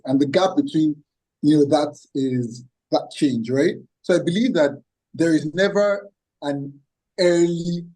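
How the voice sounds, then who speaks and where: A man from Nigeria with a mellow, slightly husky voice joins a panel discussion over a video call. He speaks reflectively, often checking in with the listener as he builds his point. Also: a little high, poor audio. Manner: reflective, checking in with "you know" and "right?". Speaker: panel guest, strategy consultant.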